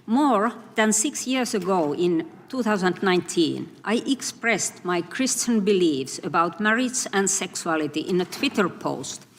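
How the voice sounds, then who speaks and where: A woman's voice: lowish voice, animated. Finnish-accented woman in her sixties testifying. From Finland. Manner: earnest, measured, reading with occasional restarts. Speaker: witness at a legislative hearing. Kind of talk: prepared testimony. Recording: reverberant hearing room.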